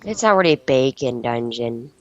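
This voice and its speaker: A man's voice: mid-range voice, lively intonation, normal speed, dull audio. A teenage boy playing Minecraft with friends, goofing around with silly jokes. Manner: goofy, giggly joking. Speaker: Minecraft let's-play player. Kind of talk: casual gaming banter.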